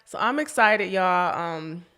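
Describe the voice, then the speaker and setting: Her voice sits on the low side yet sounds fairly bright, clear and resonant, with lively intonation and a slow pace. This young woman hosts her podcast as a casual chat, laughing often, addressing listeners directly and sniffling while recovering from a cold.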